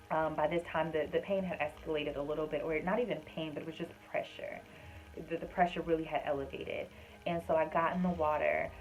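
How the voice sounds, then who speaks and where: Low-voiced woman telling a story casually. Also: lo-fi sound. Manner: chatty, many "um" and "like" fillers, addresses viewers as "y'all". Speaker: vlogger sharing her birth story.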